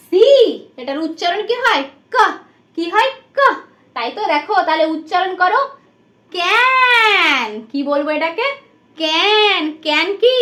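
Woman primary teacher with a Bengali accent, very high pitched, sing-song coaxing delivery, recorded in an echoey room. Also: fairly bright tone. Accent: Bengali, from West Bengal. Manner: sing-song, coaxing questions with frequent "tai to?" prompts. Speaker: primary teacher giving a demo class. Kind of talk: demo class teaching English words to small children.

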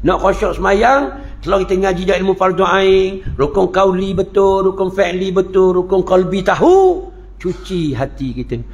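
A man with a Terengganu Malay accent leads a religious lecture, mixing teaching with jokes and local stories. His voice sits high for a man and jumps all over the place as he talks. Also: expressive, moderate pace, vocal fry, darkish tone, lo-fi sound. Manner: joking, storytelling, playful dialect asides.

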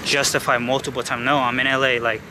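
A young guy from Los Angeles, a travel vlogger, rides his bike one-handed on city streets and rambles casually at his phone camera held out at arm's length, kind of out of breath and full of restarts and fillers. His medium-pitched voice stays fairly flat and quick, and loud traffic surrounds him.

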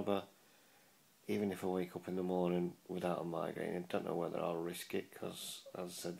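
A British man in his forties with a low, creaky voice records a casual video diary. He sounds weary and self-deprecating, speaking into a phone held at arm's length indoors. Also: darkish tone, low-quality recording. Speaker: vlogger. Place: small room indoors, lying on a pillow.

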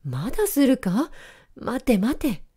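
A woman voicing a brisk young boy in a storybook reading. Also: fairly high pitch, wildly swooping pitch, warm tone, slightly rough, voice pushed up, exaggerated voice. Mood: scolding. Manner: brisk, scolding.

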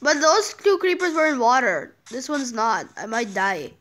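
A young woman with a high, bright voice talks through a video game session. She chats casually and bursts into excited exclamations as things happen. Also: normal speed. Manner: excitable, chatty, frequent exclamations. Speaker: gamer.

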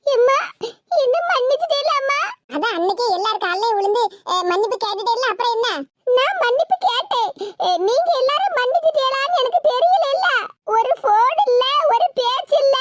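A woman doing a shrill meddling cartoon daughter. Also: expressive, moderate pace, no echo. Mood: pleading. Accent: Tirunelveli Tamil. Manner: high, sharp and scolding. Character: meddling grown daughter, quick-tongued, tactless busybody. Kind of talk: animated cartoon comedy voice.

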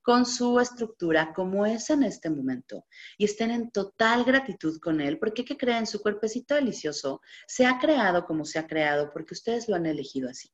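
A young adult woman coach giving a motivational live talk to an audience, asking a stream of questions and chanting repeated clearing phrases. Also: mid-range voice, lively intonation, normal speed. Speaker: body-positivity coach. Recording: muffled lo-fi recording.

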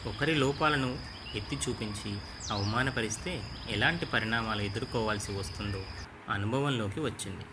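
A man narrating a children's story in a clear, measured storytelling manner. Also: fairly low pitch. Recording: noisy with insect and bird ambience.

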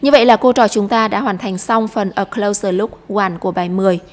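A woman's voice: medium pitch, fairly quick, big-room sound. A Vietnamese woman teaching an English lesson to children, explaining patiently and step by step.

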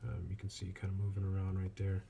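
A man with a low voice reviews a watch in a casual, hands-on way, speaking haltingly with frequent pauses. Clear, steady background noise is present in the recording.

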